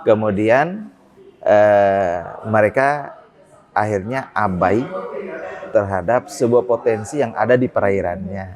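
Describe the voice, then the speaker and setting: A port business guest answers interview questions slowly, pausing and hesitating often, his pitch rising whenever he makes an emphatic point. A crowd can be heard in the background.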